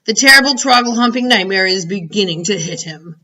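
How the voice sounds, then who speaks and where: A woman voicing a kindly, cautious storybook giant who speaks in hushed, earnest tones with quaint muddled grammar. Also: medium pitch, lively intonation, a little fast, recorded from a distance. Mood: hushed urgency. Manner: hushed, explanatory, quaint ungrammatical phrasing.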